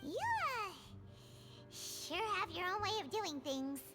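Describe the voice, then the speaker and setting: A woman voicing a tiny, chatty female fairy-like companion in a game, excitable and referring to herself in the third person. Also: very high-pitched, slow, over loud music, heavily acted. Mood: chipper. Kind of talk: game voice acting.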